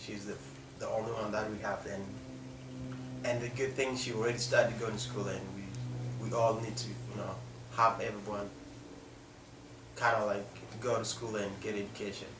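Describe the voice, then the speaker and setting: His voice low and level in tone, a young man with a South Sudanese accent shares a personal story on the spot. He speaks haltingly and frequently cuts off mid-sentence, recorded from afar in an echoey space with faint noise.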